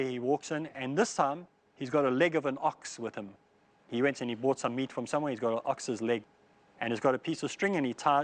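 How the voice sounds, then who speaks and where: A man preaching, telling a long parable and acting out the lines of its characters. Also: medium pitch. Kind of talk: storytelling sermon.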